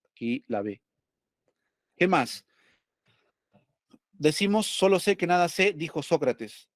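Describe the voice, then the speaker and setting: A man's voice: fairly high pitch, expressive, takes it slowly, dry recording, studio quality. A male teacher going over test questions, explaining step by step and asking and answering his own questions.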